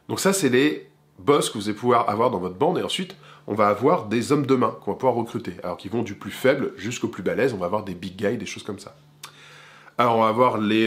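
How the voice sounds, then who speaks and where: A man with a fairly low voice presents a board game in a relaxed, informal style. He chats directly to the viewer like a friend as he goes through the details. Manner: chatty, informal, talks straight to the viewer. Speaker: board game channel host.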